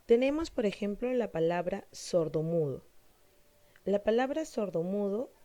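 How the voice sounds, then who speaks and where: A woman teacher explaining a grammar lesson slowly and deliberately, asking her pupils questions and then answering them herself. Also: on the low side, warm tone.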